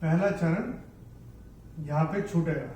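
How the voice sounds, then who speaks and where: Slow, high-voiced man teaching chanting. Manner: measured explaining, breaking into slow, louder chanted verses. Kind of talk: bilingual tutorial on chanting verses. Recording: echoey room, voice from a distance off the mic.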